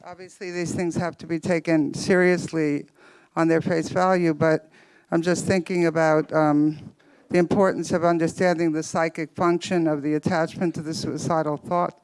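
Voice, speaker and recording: A man psychotherapist commenting on a panel, thoughtful and measured, slightly out of breath. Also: a little high, level tone, a little mellow, smooth, no echo, rough recording. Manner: thoughtful, measured, cites theory.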